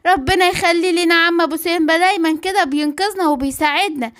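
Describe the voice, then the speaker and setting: A woman's voice: extremely high pitch, fairly even intonation, fast, fairly bright tone. A woman doing a protective giraffe mom. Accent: Egyptian. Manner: scolding, protective.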